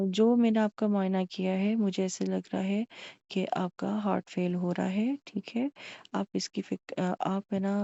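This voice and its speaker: A woman's voice: medium pitch, gravelly, mellow, no room sound, muffled recording. A woman playing a doctor in a mock consultation, asking methodical questions and narrating each examination step aloud. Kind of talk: mock clinical consultation, history taking.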